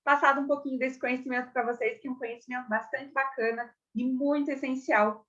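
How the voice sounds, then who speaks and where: A young Brazilian woman with a high voice teaches a casual theater class and talks to her viewers in a chatty, expressive way. She often stops to ask if they follow. The recording sounds a little dull and lo-fi. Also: fast. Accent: Brazilian Portuguese. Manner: chatty, expressive, repeats words and checks in with listeners. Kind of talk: casual online lesson. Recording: slightly dull lo-fi audio.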